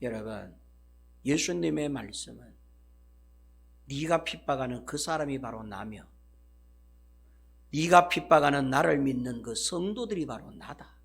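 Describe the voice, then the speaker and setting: A male pastor preaching a sermon in an emphatic, dramatic way, swinging from loud declarations to hushed asides. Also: medium pitch, lively intonation, measured pace, vocal fry, pauses often, breathy edge.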